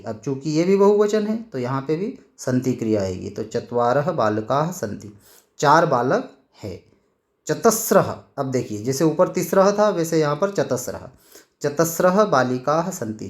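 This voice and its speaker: Male teacher explaining grammar, slow and deliberate, repeats key words, slightly higher voice. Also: sing-song. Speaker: Sanskrit teacher.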